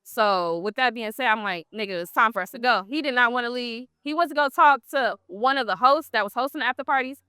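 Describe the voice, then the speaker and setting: A woman tells her stories bluntly, swearing freely and acting out both sides of each exchange. Her voice sits high and sounds bright and smooth. The recording is dry and close, with no room sound. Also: fairly quick, few pauses, no echo. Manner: blunt, profane, animated storytelling. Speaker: exotic dancer guest. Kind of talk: casual storytelling interview.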